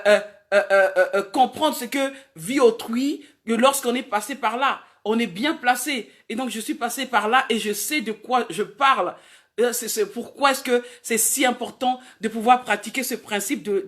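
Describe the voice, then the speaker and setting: A woman evangelist preaching a sermon, emphatic, repeating key phrases again and again. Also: a little high.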